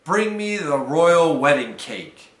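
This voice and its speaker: A man's voice: mid-range voice, lively intonation, slow, fairly bright tone. A man voicing a proud, flustered baker in a storybook read aloud, with indignant, blustering exclamations. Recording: roomy echo.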